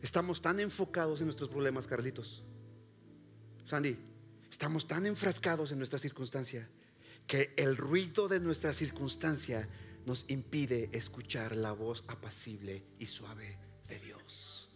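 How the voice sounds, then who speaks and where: A man preaching a sermon to a congregation, swinging from loud calls to hushed near-whispers and asking the listeners direct questions. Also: medium pitch, a little slow, faint music behind. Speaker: pastor. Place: church service before a congregation.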